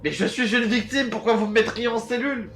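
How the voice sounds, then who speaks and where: A man's voice: very high-pitched, steady tone, a little fast, pitched above the performer's own voice. A man voicing a bewildered woman from London who insists she is a victim, talking in a stumbling, defensive way in a tabletop game. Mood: protesting.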